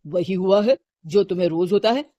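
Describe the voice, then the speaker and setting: Brief: older mother-in-law figure, voiced by a woman, slow and reproachful, a little lower than the narrator. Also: mellow, no echo, dull audio, lightly acted. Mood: harsh.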